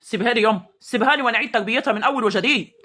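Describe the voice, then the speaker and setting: A woman with an Egyptian accent playing a young village man who schemes to marry a rich cousin in secret, talking smoothly and persuasively. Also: fairly high pitch, racing, sharp tone. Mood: scolding. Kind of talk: amateur village drama acting.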